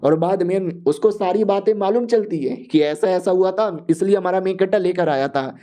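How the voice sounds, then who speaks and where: A man's voice: high voice, normal speed, warm tone. A young man casually retelling a manga story, chatty and slangy, voicing every character himself. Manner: chatty and slangy, addressing listeners as "yaar". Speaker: manga explainer narrator.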